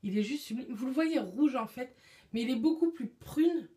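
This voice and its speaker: A woman's voice: sits high, animated, normal speed, mellow. Chatty beauty vlogger woman. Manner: chatty, with many fillers and restarts. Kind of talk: casual monthly favorites chat.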